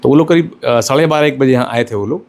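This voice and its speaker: A middle-aged male lawyer answering interview questions, explaining step by step in a measured way and mixing in English legal terms. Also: medium pitch, darkish tone.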